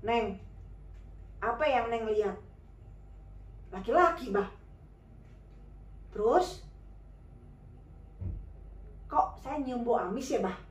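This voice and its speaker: A woman's voice: on the high side, lively intonation, slow pace, long pauses. Woman chatting through a story, lots of fillers, kinda far from the mic in a roomy space. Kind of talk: casual spoken storytelling.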